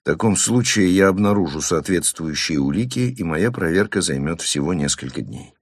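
A man voicing a calm, phlegmatic police officer who answers his father in an even tone. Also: low voice, moderate pace, slightly rough, no echo, studio quality, heavily acted. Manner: level, even-toned replies.

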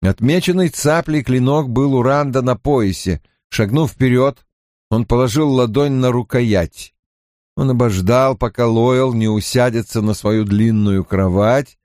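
A man reading an audiobook in measured, scripted narration. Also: medium pitch, a little mellow, dry recording, studio quality.

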